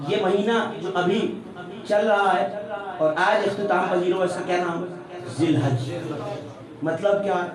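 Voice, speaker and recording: A man, a religious scholar, delivering a Muharram mourning sermon to a congregation, asking them rhetorical questions and swinging between hushed and shouted delivery. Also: sits high, steady tone, long pauses, distant mic. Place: large prayer hall with a gathered congregation. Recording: echoey hall, voice from afar, crowd. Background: congregation responding.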